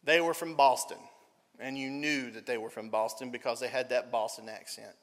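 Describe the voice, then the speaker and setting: A man's voice: medium pitch, fairly even intonation, moderate pace. A middle-aged man with a Southern accent, preaching an earnest sermon full of stories and repeated phrases for emphasis. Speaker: pastor. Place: church sanctuary. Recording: long church hall reverb.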